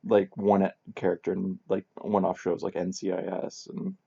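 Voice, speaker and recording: Gravelly dark-voiced man, lo-fi mic. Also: sits low, flat delivery, moderate pace. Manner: laughs easily, self-deprecating. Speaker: podcast co-host. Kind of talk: casual chat. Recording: dull lo-fi mic.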